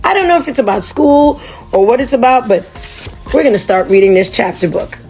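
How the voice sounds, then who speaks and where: A woman's voice: a little high, fairly quick, faint music behind. Chatty woman reading to kids. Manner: chatty, animated, talking to children. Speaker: children's book reader. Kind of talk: reading a chapter book aloud to kids.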